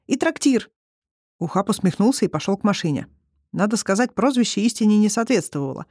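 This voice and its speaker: An audiobook narrator reading a novel chapter in an even storytelling manner. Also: mid-range voice, fast talker, slightly rough, no room sound, clean studio sound. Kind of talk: scripted narration.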